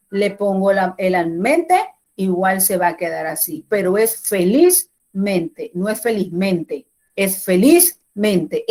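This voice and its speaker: A woman's voice: medium pitch, a little mellow. A woman teacher explaining Spanish grammar rules in a class, going step by step and repeating the key points.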